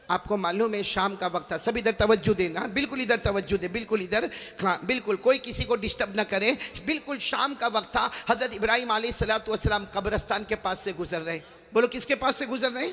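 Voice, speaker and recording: A man's voice: sits high, fairly bright tone. A man preaching an emotional sermon in a sing-song, chanting style, calling on the crowd to answer him. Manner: calls on the crowd to repeat after him. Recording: long hall reverb.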